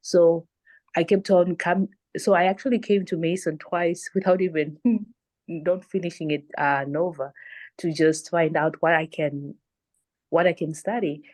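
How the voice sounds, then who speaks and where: A woman's voice: lowish voice, fairly even intonation, a little slow, a little mellow. A woman from Zimbabwe whose first language is not English, answering interview questions in a hesitant conversational way, with frequent restarts. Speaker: panelist.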